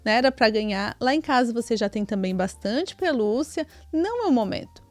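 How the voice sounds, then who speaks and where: Brazilian woman podcast co-host, lively storyteller, slightly high voice, dry close sound, soft music under. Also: brisk, no room sound. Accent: Brazilian Portuguese. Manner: chatty, many tag questions. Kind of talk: casual storytelling chat.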